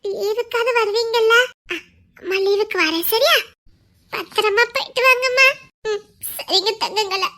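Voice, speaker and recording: A woman with a Tirunelveli Tamil accent playing a young woman who says a soft, tearful, polite goodbye in a comic skit. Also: very high-pitched, a little slow, long pauses, heavily acted. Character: young woman tearfully leaving her family.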